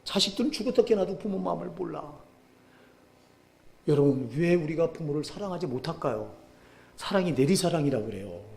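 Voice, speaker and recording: A man preaching a sermon as pastor, swinging between loud impassioned exclamations and low quiet asides. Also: animated, brisk, vocal fry. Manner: acts out biblical quotes dramatically.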